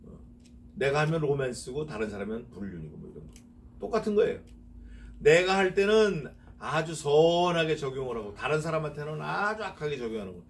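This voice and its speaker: A male pastor giving a conversational sermon, reading scripture slowly with emphasis and asking the congregation rhetorical questions. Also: on the high side, recorded from a distance. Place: church sanctuary.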